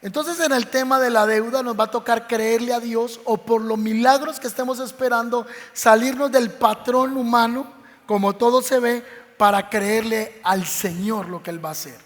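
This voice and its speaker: A man's voice: very high-pitched, fairly even intonation, normal speed. A man with a Medellín Colombian accent, a pastor telling a Bible story in a sermon and acting out its voices. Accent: Colombian Spanish, Medellín. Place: church hall. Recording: long reverb of a church hall.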